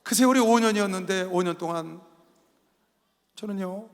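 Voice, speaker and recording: A man preaches a sermon in a fairly high, very lively voice, telling his story with big dramatic swings from hushed whispers to loud cries. The sound carries the long reverb of a vast indoor sports arena. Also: brisk. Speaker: pastor. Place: large indoor sports arena used for worship.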